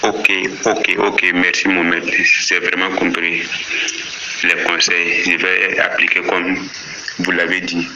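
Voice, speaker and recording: A man's voice: low voice, completely flat delivery, slow pace, noisy background. A man sending a short voice message thanking his coach, brief and repeating "ok".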